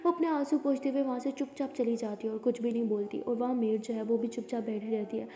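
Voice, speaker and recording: A woman narrating a romance story, sometimes dropping to a soft whisper. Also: fairly high pitch, steady tone, quick pace. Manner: softly dropping to a whisper in intimate scenes. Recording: echoey room, long reverb.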